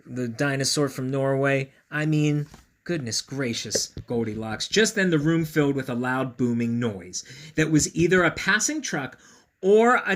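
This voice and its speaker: In a medium-pitched voice, a man brings a picture book to life for a group of kids, reading with playful expression and stopping to chat with the little ones listening.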